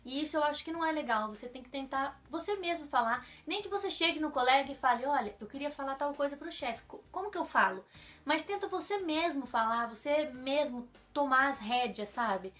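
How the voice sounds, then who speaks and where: A woman's voice: sits high, animated, fairly quick, fairly bright tone. A young Brazilian woman with a Brazilian Portuguese accent, speaking in a casual advice vlog in an earnest, encouraging way and often checking in with the listener. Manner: earnest, encouraging, tags sentences with questions. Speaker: vlogger.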